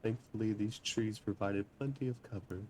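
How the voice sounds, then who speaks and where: A woman roleplaying a calm fellow traveler in a game, speaking in a measured way. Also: a bass voice, slight background noise. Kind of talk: in-character roleplay.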